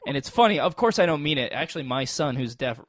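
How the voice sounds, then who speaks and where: A man's voice: fairly high pitch, animated, fast talker, fairly bright tone, no echo. A man co-hosting a podcast, talking in an enthusiastic, emphatic way in casual chat. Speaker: podcast co-host.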